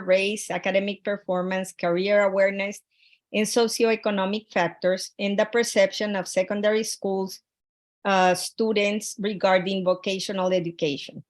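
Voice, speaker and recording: A woman from Honduras presenting her research proposal over a video call, earnest and halting, with frequent fillers and restarts. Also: medium pitch.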